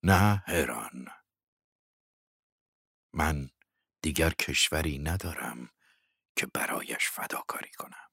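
A man voicing a frail, weary aging general in a storybook reading, speaking quietly and sinking toward a whisper. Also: very deep voice, expressive, gravelly, long pauses, husky, dry recording, clean studio sound, full character voice. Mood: resigned.

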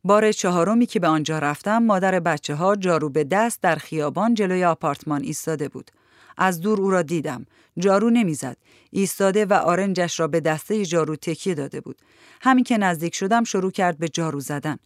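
A woman narrating a literary novel in a calm, measured storytelling voice. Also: on the low side, dry recording, clean studio sound. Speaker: audiobook narrator.

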